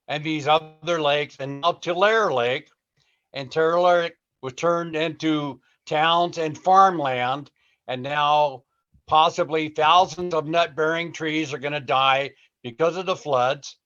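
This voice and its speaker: A man's voice: on the high side, slow, a bit bright, smooth. A man giving a pointed, skeptical public comment at a meeting, heard over a video call that breaks up. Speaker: public commenter, local vice mayor. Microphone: computer mic on a video call. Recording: muffled video call audio.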